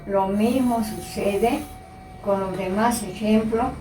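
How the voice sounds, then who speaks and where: A woman teacher giving a slow, patient spelling lesson and repeating the key words. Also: mid-range voice, fairly even intonation, background noise. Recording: echoey room, voice from a distance.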